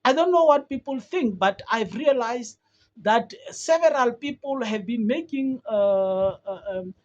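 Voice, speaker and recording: A commentator from South Africa with a South African accent, giving an earnest, halting opinion on a vlog with many fillers and restarts. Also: medium pitch, expressive, lo-fi sound.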